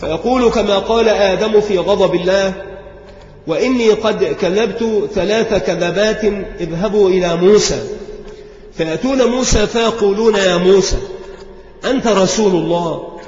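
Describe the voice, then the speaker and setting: A man's voice: high voice, normal speed, a little mellow. A man teaching a religious lesson, narrating a hadith in an earnest preaching cadence. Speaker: Islamic scholar teaching a creed text. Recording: echoey hall, dull lo-fi recording.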